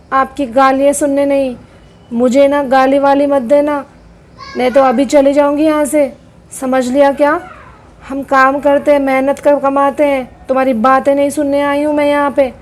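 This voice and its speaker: A woman's voice: high voice, little pitch movement, natural voice. A woman voicing a proud, blunt young housemaid who talks back in a doll-play soap drama. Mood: sassy. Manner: blunt, quick retorts.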